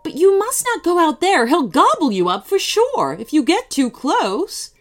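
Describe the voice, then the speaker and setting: A woman voicing a kind, patient baker in a storybook, gentle and motherly. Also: extremely high pitch, big pitch swings, unhurried, pitched above the performer's own voice, exaggerated voice. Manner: gentle and motherly, a bit loud.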